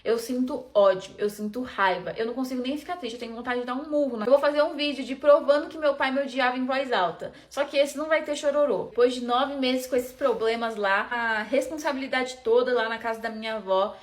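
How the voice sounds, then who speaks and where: A young woman from Brazil casually telling her life story to camera in an emotional, animated way. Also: high voice, fairly quick, few pauses. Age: young adult. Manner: animated, emotional retelling with acted-out quotes. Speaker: vlogger.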